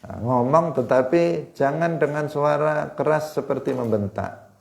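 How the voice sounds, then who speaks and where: A man with an East Javanese accent teaching a hadith lesson to students, explaining slowly with rhetorical questions and frequent fillers. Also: a little high, creaky. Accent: Indonesian, East Javanese. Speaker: religious teacher.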